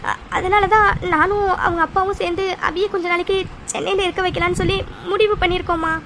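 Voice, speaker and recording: A woman's voice: very high voice, fairly even intonation, brisk, fairly bright tone, slight background noise. A woman voicing a hesitant, stammering mother. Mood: anxious. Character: worried middle-aged village mother. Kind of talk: cartoon voice acting.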